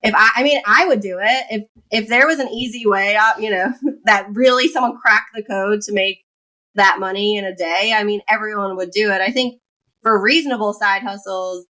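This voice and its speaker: A woman's voice: medium pitch, normal speed, sharp tone. A woman in her thirties, a guest on a podcast, chatting casually with many fillers and frequent "in my opinion". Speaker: guest, finance founder.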